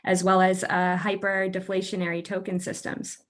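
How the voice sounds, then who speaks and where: A woman's voice: medium pitch, completely flat delivery, moderate pace. A woman speaking as a project founder in an online Q&A, her voice cutting out and stuttering through bad internet audio. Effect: glitchy, breaking-up internet audio. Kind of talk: online Q&A interview over a call.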